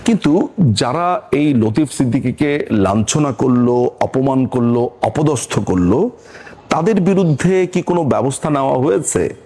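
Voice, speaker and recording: A man with a Bangladeshi accent hosts a political commentary show, speaking emphatically with rhetorical questions and repetition. His mid-range voice is expressive, a little slow, and mellow, with slight hiss or hum in the recording.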